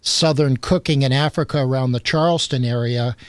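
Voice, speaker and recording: A man's voice: medium pitch, a little fast, smooth, no echo. Man hosting a food interview show. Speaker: host. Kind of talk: show intro and interview questions.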